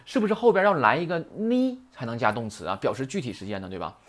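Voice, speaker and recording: A man's voice: medium pitch, animated, quick pace. A man teaching Japanese grammar in a chatty lecture, often asking rhetorical questions. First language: Mandarin.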